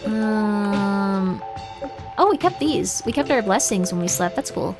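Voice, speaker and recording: On her livestream, this streamer reacts out loud to her game in a playful, casual chat, her medium-pitched voice animated but slow. The audio quality is poor, and game music plays prominently in the background.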